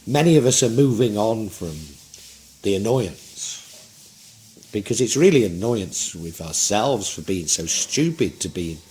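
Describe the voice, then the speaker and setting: A man's voice: fairly low pitch, darkish tone, a little hiss or hum. A man in his sixties giving a tarot reading in a reflective, rambling way with frequent restarts. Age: 60s. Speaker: tarot reader.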